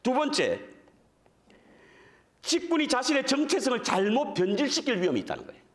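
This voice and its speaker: A man preaching a revival sermon as guest preacher, in a conversational style that keeps putting questions to the congregation. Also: extremely high pitch. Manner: animated, addresses the congregation with frequent questions; conversational, self-deprecating asides.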